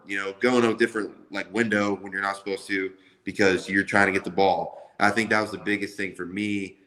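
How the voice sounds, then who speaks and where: A man's voice: low-pitched, a bit bright, rough recording. A man in his twenties chatting casually in an interview as a college football player, with a loose, slangy way of talking. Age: 20s. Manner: loose, slangy, repeats "like" often.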